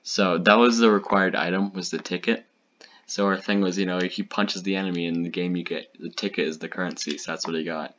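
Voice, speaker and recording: Young man, deep voice, rambling casual commentary, dull lo-fi recording, faint hiss. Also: fairly even intonation, a little fast, fairly bright tone. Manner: rambling, chatty, lots of fillers. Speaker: YouTuber reacting to his old films.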